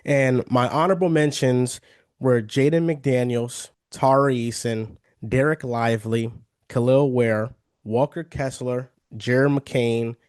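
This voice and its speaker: A young man co-hosting a casual sports podcast, laying out his picks in a measured, hedging way. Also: mid-range voice, fairly even intonation, a little mellow, clean tone. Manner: measured, hedging takes with fillers. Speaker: podcast co-host.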